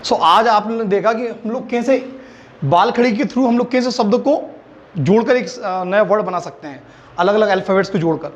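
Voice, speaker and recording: A man's voice: sits high, moderate pace. A man teaching English phonics, spelling words letter by letter and asking repeated questions. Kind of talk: phonics lesson. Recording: dull lo-fi recording.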